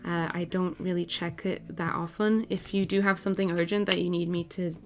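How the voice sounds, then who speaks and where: A woman's voice: on the low side, flat delivery, fairly quick, over music. A woman in her twenties, from Portugal, chatting casually with viewers on a live stream while she draws, laughing easily as she answers messages. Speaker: art streamer.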